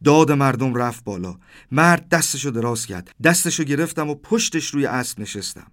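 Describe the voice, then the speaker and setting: A man's voice: medium pitch, animated, a bit bright. Man in his thirties telling a story. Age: 30s. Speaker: narrator. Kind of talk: storytelling narration.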